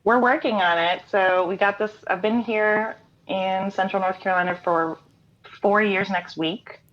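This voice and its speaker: A middle-aged American woman talks a little slowly in a mid-range voice with fairly even intonation. Appearing as an interview guest from home via an online call, this singer-songwriter and writer chats in a relaxed, explanatory way. Expect dull, lo-fi call sound.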